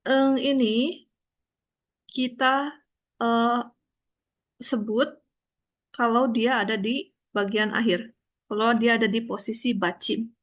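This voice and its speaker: A woman teaching a language lesson, explaining slowly and patiently and checking often that her student understands. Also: fairly high pitch, fairly even intonation. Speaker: Korean teacher.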